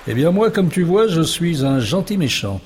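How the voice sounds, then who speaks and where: A man's voice: fairly high pitch, big pitch swings, a little mellow, husky, voice pushed up. A man doing a teasing little nightmare creature. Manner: teasing, playful, drawn-out words. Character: small cheeky nightmare creature, crawling, moon-coloured, male. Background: music.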